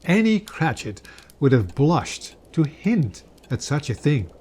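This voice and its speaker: Reading a classic Christmas story aloud as a storyteller, this man takes his time, relishing phrases and pausing theatrically. His fairly high voice is husky, a little mellow, and very animated.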